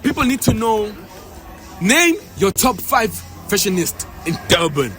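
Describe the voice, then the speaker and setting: A man's voice: high-pitched, big pitch swings, fairly bright tone, soft background music. A young man from the Congo chatting playfully on a city street at night, often cutting in. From Democratic Republic of the Congo. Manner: playful, quick to cut in. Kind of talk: casual street chat.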